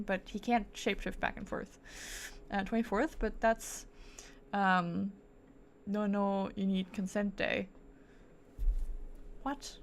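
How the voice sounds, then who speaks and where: Chatting loosely during a game stream, this woman speaks in a mid-range voice, with slight background noise in the clip. Her talk wanders as she muses aloud and cheerfully fixes her own slips.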